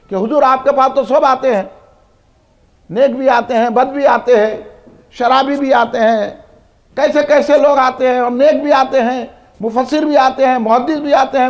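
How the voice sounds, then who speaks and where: A man preaching a devotional sermon, building emphatic repetitive lists and prompting the crowd to respond. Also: extremely high pitch. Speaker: preacher at a religious gathering. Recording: dull lo-fi event recording.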